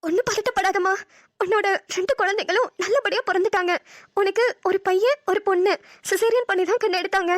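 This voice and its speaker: Fields: Sex: female performer. Figure: a woman voicing a calm, caring middle-aged mother in a cartoon. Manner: soothing. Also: extremely high pitch, fairly quick, no room sound, clean studio sound. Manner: soothing, reassuring.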